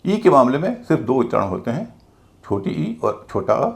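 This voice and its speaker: A man's voice: medium pitch, sing-song, moderate pace, creaky. A man teaching English pronunciation, explaining patiently and methodically and spelling out words letter by letter. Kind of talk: classroom-style explanation.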